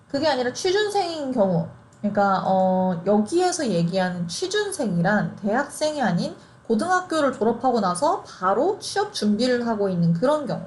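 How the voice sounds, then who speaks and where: A woman's voice: a little high, a little mellow, slight background noise. A young woman in her twenties chatting through an explainer, laughing often and asking rhetorical questions. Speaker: host explaining housing programs. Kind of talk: casual explainer.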